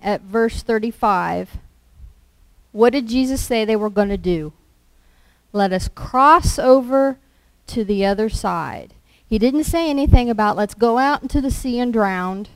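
A woman delivers a sermon at an unhurried, deliberate pace, her voice sitting a little high. She speaks conversationally, like she is telling a story. The sound is dry and close. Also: clear, resonant tone, no room sound, poor audio. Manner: slow, conversational storytelling with acted-out quotes. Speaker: preacher.

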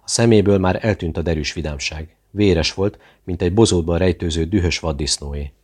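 Deep-voiced male audiobook narrator. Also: darkish tone.

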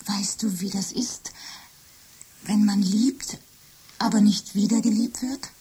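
A woman playing a lovesick, jealous female office computer in a radio drama, speaking softly and often in a whisper. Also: mid-range voice, steady tone, measured pace, breathy edge. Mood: obsessive, tender. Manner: soft, intimate, often whispering. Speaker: computer character.

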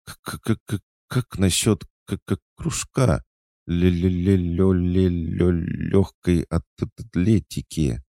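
A man's voice: deep voice, extremely slow, creaky, mellow, dry recording, clean studio sound, pitched above the performer's own voice, full character voice. A man voicing a frightened tall young woman who stammers heavily. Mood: scared. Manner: stutters in fear.

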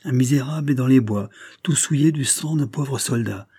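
A man's voice: mid-range voice, moderate pace, warm tone, slightly rough, no echo, studio quality, pitched above the performer's own voice. A man voicing a proud young noblewoman who speaks in a bitter, reproachful, impassioned way. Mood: scornful reproach.

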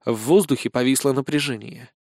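A man narrating a first-person comic fantasy audiobook in an even storytelling read. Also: mid-range voice, brisk, no echo, clean studio sound.

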